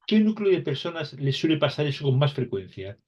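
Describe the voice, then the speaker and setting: Male interview host; husky, halting, searching phrasing; muffled lo-fi audio. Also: a little high, sing-song, a little mellow. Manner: hesitant, searching for words, many restarts. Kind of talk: interview questions. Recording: dull, lo-fi sound.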